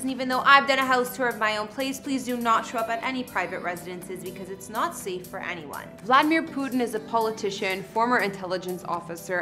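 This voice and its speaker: Reading scripted narration for an online house tour entertainment video, the young woman host uses an emphatic presenter style. Her voice is mid-range with a sharp edge.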